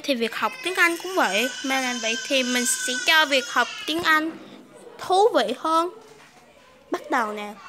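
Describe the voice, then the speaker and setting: A woman from Vietnam hosts a casual lesson and repeats each phrase so listeners can copy it. Her talk is chatty and friendly in tone. Her voice sits high and sounds bright, with a faint hiss behind it. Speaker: English teacher, video host.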